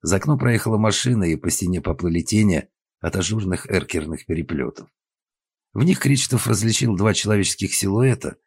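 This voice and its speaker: A man narrating an audiobook with a husky voice, steady and measured, recorded close to the mic. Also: fairly low pitch, dry recording. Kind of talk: scripted narration.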